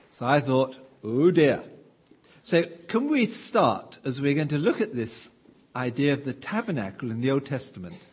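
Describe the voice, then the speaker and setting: A man's voice: on the high side, breathy edge. A man giving a sermon in a conversational way, asking the listeners questions and telling a story. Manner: conversational, asks the room questions. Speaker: preacher.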